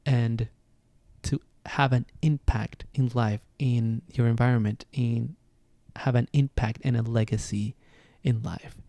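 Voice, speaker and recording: This native Spanish speaker with a Venezuelan accent muses on astrology in a casual solo podcast, regularly pausing to find his words. He speaks a little slowly at medium pitch, mellow and fairly even, with no room sound.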